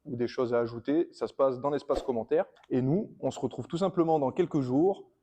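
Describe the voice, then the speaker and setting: A man's voice: medium pitch, a little fast, warm tone. A man coaching a workout in a casual, slangy tutorial, talking straight to his viewers. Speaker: fitness coach.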